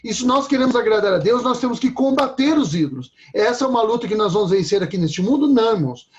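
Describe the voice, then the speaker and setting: Man, preacher, high-pitched voice, chatty sermon, muffled lo-fi recording. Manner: conversational, checks in with "tá?".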